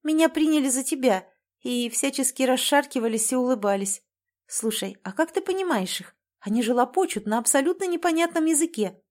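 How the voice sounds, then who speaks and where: A woman's voice: sits high, lively intonation, a little fast, darkish tone, voice pushed up. A woman voicing a wry, evasive young woman who dodges hard questions, in an audiobook. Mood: curious. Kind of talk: audiobook character voice.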